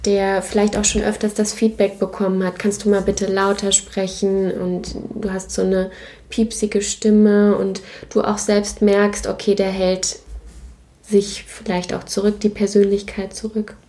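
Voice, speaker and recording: A woman's voice: mid-range voice, little pitch movement, a little slow, mellow. A woman hosting a podcast, asking long interview questions with hesitant fillers along the way. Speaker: podcast host.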